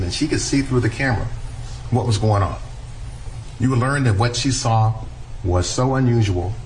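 A man addresses jurors in a courtroom, speaking slowly and deliberately with steady repetition. Faint noise hangs under his voice. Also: lowish voice, low-quality recording. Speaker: prosecutor. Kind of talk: courtroom opening statement.

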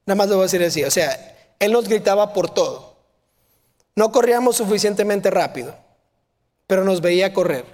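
A man preaching a sermon, asking the audience questions and sometimes shouting as he acts out a drill sergeant. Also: sits high, lively intonation, normal speed, long pauses. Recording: long hall reverb.

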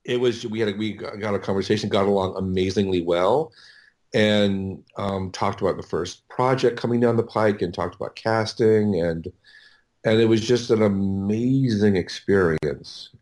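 On this podcast, a middle-aged American audiobook producer tells stories casually, faltering and revising himself as he drifts along. His voice is on the low side and a little mellow.

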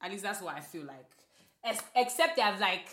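Bright-voiced young woman chatting. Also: medium pitch, brisk, reverberant. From Nigeria. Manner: animated, laughing, swearing, many "like" fillers. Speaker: podcast co-host. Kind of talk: casual chat.

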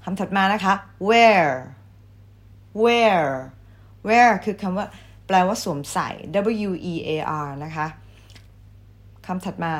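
Slow-paced woman teaching vocabulary. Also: medium pitch, lively intonation. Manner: repeats each English word twice, louder and slower; polite, ends phrases with soft particles. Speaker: English teacher. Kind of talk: vocabulary lesson.

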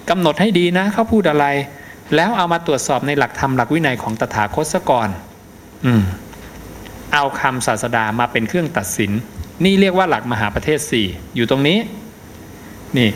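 A man's voice: on the high side, slight background noise. A middle-aged man, a Buddhist monk, answers a question in an emphatic dharma talk and keeps tagging his points with a short particle. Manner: emphatic, repeats "นะ" as a tag.

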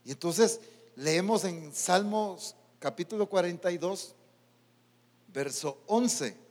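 A man preaches a sermon in a church hall. He climbs to loud, urgent peaks, then drops to quiet, low lines, and at times he talks straight to his own soul. A long hall reverb hangs on every phrase. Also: slow. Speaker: pastor.

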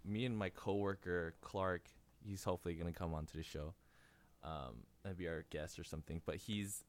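A man in his twenties hosting a casual podcast, telling a story in rambling fashion with lots of fillers and laughs. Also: low voice. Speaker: podcast host.

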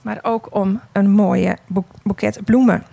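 A woman telling a parable and sharing her testimony in a gentle, slow, emphatic devotional storytelling style. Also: mid-range voice, fairly even intonation, vocal fry, no echo.

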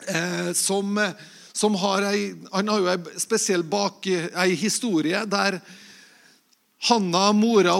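A man preaching in a loose, conversational way, stumbling over his words and filling gaps with hesitant sounds. His voice sits high for a man and has a gravelly edge. He turns to the room now and then with direct questions. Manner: hesitant, with many fillers and restarts; conversational, asks the listeners questions. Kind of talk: informal sermon with Bible reading.

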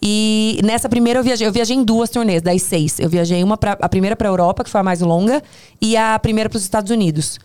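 Woman, Brazilian Portuguese accent, mid-pitched voice, casual storyteller, animated, hyperbolic, breaks off and restarts thoughts. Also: fast, smooth. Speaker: podcast guest, tour producer.

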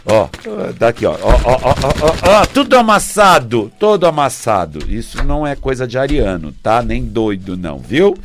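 A man giving a casual spiritual talk to viewers, animated and acting out little scenes. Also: medium pitch, normal speed, hardly any pauses, noisy background. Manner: animated, acts out little scenes with put-on voices.

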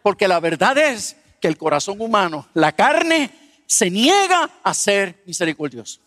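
High-voiced man preaching slowly. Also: no echo, big-room sound. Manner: animated, humorous, asks the audience questions. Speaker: pastor. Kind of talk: sermon with personal storytelling.

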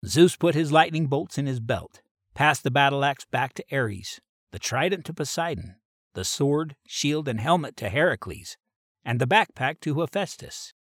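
A man's voice: medium pitch, expressive, moderate pace, dry recording, studio quality. A man reading an adventure story aloud in a plain storybook manner.

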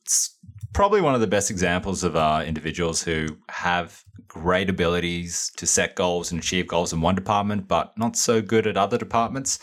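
A man with a very low, deep voice co-hosts a relaxed podcast chat. He talks in a laid-back way and lays out ideas one step at a time, often filling pauses with ums. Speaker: podcast co-host. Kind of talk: casual explanatory chat.

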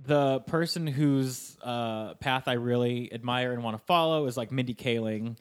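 A rambling young man from Sacramento, California, who writes and performs improv, chats casually as a podcast guest. His medium-pitched voice has a clean tone and normal speed, and "like" turns up constantly in his storytelling.

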